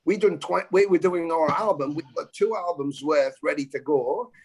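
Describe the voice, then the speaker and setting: A man's voice: fairly high pitch, moderate pace, slightly rough. A man, a metal musician chatting casually on a video call and talking in long runs with casual swearing.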